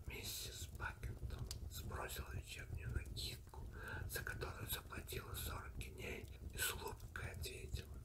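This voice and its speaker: A reader softly telling a story in a soothing, breathy, unvoiced ASMR whisper, slow and gentle. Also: distant mic. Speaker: audiobook reader and channel host.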